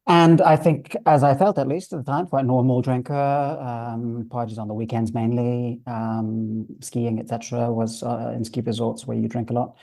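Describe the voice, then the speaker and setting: Brief: young Swiss-born man, gravelly and dark voice, halting interview answers. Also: mid-range voice, flat delivery. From Switzerland. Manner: hesitant, many ums and uhs. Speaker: guest, sober coach.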